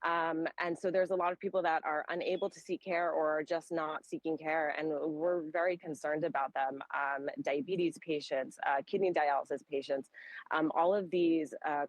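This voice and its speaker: A woman's voice: low-pitched, no room sound, poor audio. A woman, a humanitarian relief worker, giving spontaneous, explanatory answers in a news interview, feeling her way through phrases.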